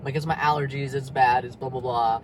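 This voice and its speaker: Fairly quick and with fairly even intonation, a young man talks in a mid-range voice in a personal vlog from his parked car. It's a rambling, confessional chat full of fillers and swearing, with background noise.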